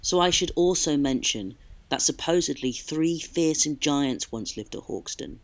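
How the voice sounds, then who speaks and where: Speaking at a measured pace, a man whose voice is on the high side tells stories expressively as a travel vlogger and presenter. He's outdoors in the countryside, recording on location with a theatrical style that blends narration and talk.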